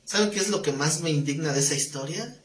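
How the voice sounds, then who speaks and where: A man, a pastor teaching a live Bible class, telling stories in a lively way and asking the class questions. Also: a little high, fast talker. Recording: echoey room, faint background noise.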